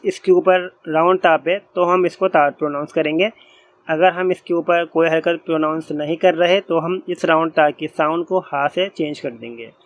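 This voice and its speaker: Patient male teacher, slightly high voice. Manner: patient, repeats each point slowly while writing on a board. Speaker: Arabic teacher. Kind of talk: classroom grammar lesson.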